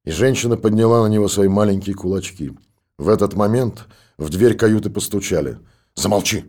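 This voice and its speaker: Low-voiced male audiobook narrator. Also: brisk, warm tone.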